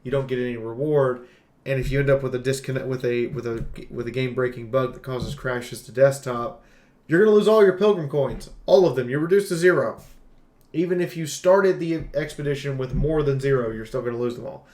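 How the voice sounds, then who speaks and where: A channel host gives an unscripted game review, talking to viewers informally and emphatically, with occasional swearing. His medium-pitched voice is fairly quick and a little mellow, recorded in a roomy space with echoing sound.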